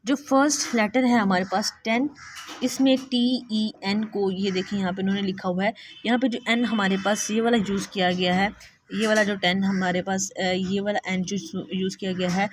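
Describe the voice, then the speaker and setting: A woman teacher giving an exam-prep lecture. She explains step by step, often says "theek hai", and slows down to read passages aloud. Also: medium pitch, a little hiss or hum.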